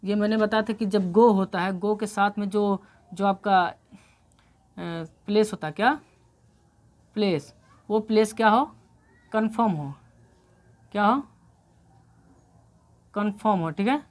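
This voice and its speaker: A woman's voice: mid-range voice, unhurried, long pauses, a little mellow. Woman teaching English grammar step by step. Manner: explains step by step, repeats and checks understanding. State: coming down with a cold. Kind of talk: grammar lesson.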